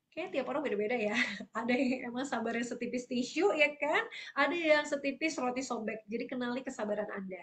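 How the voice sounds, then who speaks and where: Higher-voiced woman coaching public speaking. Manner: explanatory, lively, gives examples. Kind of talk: online workshop Q&A.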